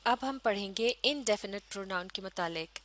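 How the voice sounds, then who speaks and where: A woman teaching a recorded grammar lesson, reading English definitions slowly and then explaining each one in formal, Urdu-leaning words. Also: medium pitch, animated, fairly bright tone, rough recording.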